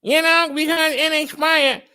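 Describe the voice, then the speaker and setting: A man's voice: extremely high pitch, fairly even intonation, measured pace, pushed and bright, voice pushed up, exaggerated voice. A man in his fifties mimicking a stubborn female phone agent who keeps repeating herself. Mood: insistent. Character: curt female age-check phone agent.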